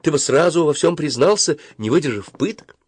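A worried, strict mother speaking low and reproachful, as a male narrator puts her on. The voice sits a little higher than his own, quiet, with a dry close sound. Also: animated, fairly quick, slightly rough, dry recording. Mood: hushed reproach. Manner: hushed, reproachful. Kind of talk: audiobook character reading.

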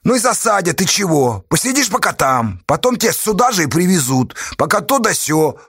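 Man playing sly lazy clerk, wheedling, lively pitch, husky, dry audiobook read. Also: no room sound, full character voice. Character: shrewd lazy male clerk, sly and fussy.

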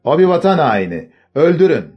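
A man voicing an angry man from a revolutionary mob, shouting high and loud. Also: very animated, a little fast, breathy edge, dull audio, soft background music. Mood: furious. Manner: shouting, furious.

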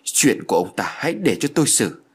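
A man's voice: mid-range voice, very animated, brisk, slightly rough. A man voicing a stern, vengeful young female ghost in a spoken ghost story. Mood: insistent. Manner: stern, urgent.

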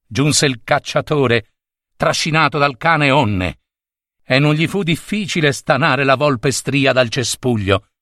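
A man reading a storybook tale aloud in a theatrical, animated way. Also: mid-range voice, no room sound, studio quality. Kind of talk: expressive storybook narration.

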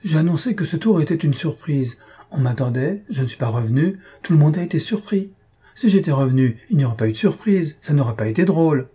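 Guy reading a giggly chatty pharmacist fella, higher voice, husky. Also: expressive, fairly quick, dark tone. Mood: amused. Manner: laughing, chatty. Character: jolly young male pharmacist, giggling joker.

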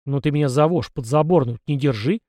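A man's voice: a little high, a little fast, mellow, dry recording, lightly acted. A man as a blunt, sarcastic young soldier.

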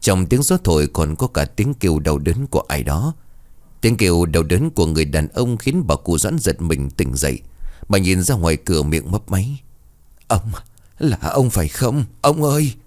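Deep-voiced male ghost story narrator. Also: normal speed, no room sound. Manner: expressive, dramatic storytelling.

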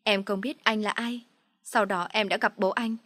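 A woman's voice: mid-range voice, fairly even intonation, normal speed, fairly bright tone, no room sound, clean studio sound, lightly acted. A woman voicing a desperate young mother who begs through tears. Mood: submissive. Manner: begging, sobbing pleas.

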